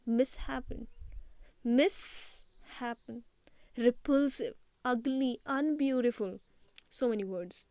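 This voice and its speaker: Lady teaching english in hindi and english, spells words out, mellow kinda high voice. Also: no room sound. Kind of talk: online English lesson in mixed Hindi and English.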